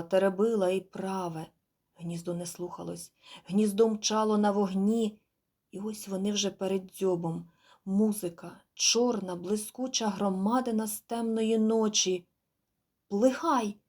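A woman narrating an audiobook in a measured, quiet, expressive storytelling manner. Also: mid-range voice. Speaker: audiobook reader. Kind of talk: scripted narration.

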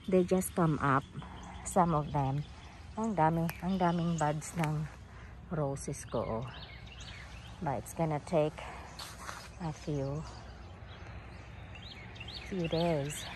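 A middle-aged woman with a Filipino accent vlogs a casual walking tour of her front garden outdoors, holding her phone camera and switching between English and Tagalog. Her voice is low-pitched and slow, with long pauses, and the background is noisy.

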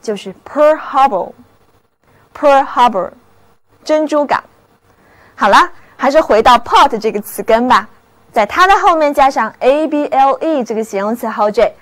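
A woman giving a scripted vocabulary lesson, spelling out English words slowly and carefully. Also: high-pitched.

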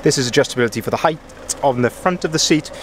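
A man from Wales, a sales manager, rattles through a van walkaround very fast in a mid-range voice. Starting in the outdoor yard and ending in the cab, he chats, repeats himself, uses lots of fillers and often says "as I say." The handheld camera he is holding picks up a little hiss or hum.

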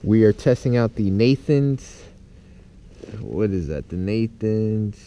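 With a warm, fairly low voice and lively intonation, this man takes his time as he chats unscripted with viewers. He's an outdoor gear vlogger in a yard, around and inside a tent, and there's a little hiss or hum on the audio.

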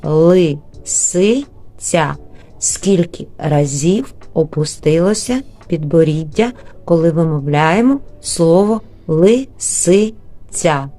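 A woman teacher gives young children an early reading lesson, modeling words slowly and stretching them out syllable by syllable. Her voice is low-pitched and warm.

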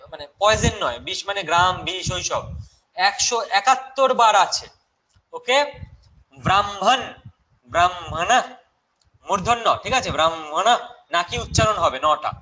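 A man's voice: sits high, pushed and bright, slight background noise, poor audio. A young man with a Bengali accent teaching a live online exam-prep class, chatty and mixing in English terms while answering viewers' questions.

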